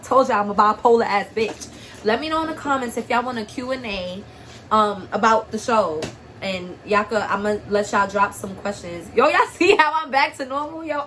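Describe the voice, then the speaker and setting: A young woman from Harlem talks straight to her camera while crying, her nose stuffed up and her voice shaky. She speaks bluntly, swears freely and has a tough street edge, at a middle pitch. Steady noise sits clearly behind her voice. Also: poor audio. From Harlem, New York. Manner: blunt, profane, streetwise talk. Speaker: vlogger. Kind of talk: emotional personal vlog.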